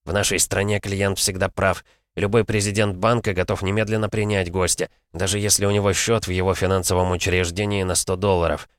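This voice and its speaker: Audiobook figure, impatient grumbling American man, read by a man, gruff, low voice. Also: level tone, a little fast, dry recording, natural voice. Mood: irritated.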